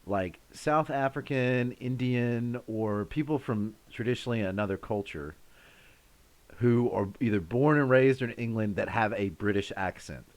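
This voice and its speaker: A man's voice: medium pitch, unhurried. An American man hosting a casual live stream, rambling and chatty, talking to viewers in the chat by name. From United States.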